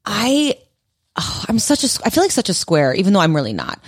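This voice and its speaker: A woman co-hosting a podcast, trading quick reactions and giggling as she goes. Her voice rises and falls widely around a middling pitch. The sound is close and dry. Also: huge pitch swings, husky, no echo. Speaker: podcast co-host. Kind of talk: casual podcast chat.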